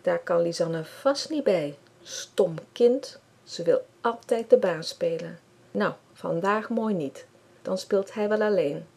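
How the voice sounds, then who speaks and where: Narrator for kids' audiobook: woman, calm read, low husky voice. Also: takes it slowly. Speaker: audiobook reader. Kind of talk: children's story read aloud.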